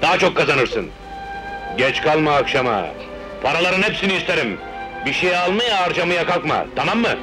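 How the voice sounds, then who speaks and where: A man's voice: on the high side, very animated, brisk, over music, rough recording. An actor playing a harsh, bullying man who exploits a child street seller, in a 1970s dubbed film. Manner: gruff, bullying.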